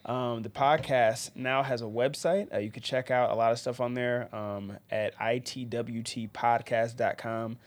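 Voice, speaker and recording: A man's voice: mid-range voice, fairly even intonation, a little slow, few pauses. Congested, nasal male podcast host. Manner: friendly. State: stuffed up from allergies. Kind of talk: casual podcast chat.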